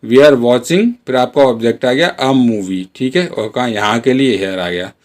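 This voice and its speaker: Male English teacher, Hindi-medium lesson, drills each phrase slowly and deliberately, mid-pitched voice. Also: darkish tone.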